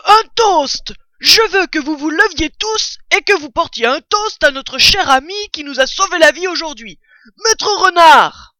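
A woman voicing a hearty male badger who talks in a loud, blustering way. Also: on the low side, slow, hardly any pauses, no room sound, studio quality, exaggerated voice. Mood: jubilant.

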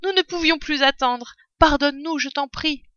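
A shy, loving mother fox, voiced by a woman narrator, talking in a high, tender, timid voice. The recording sounds dull and lo-fi. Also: moderate pace, a bit bright, dry recording. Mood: relieved.

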